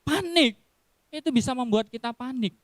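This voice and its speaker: A man's voice: very high voice, animated, normal speed, a bit bright, no room sound, studio quality. A man giving a casual sermon in style, telling stories with acted quotes and frequent laughs. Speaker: preacher.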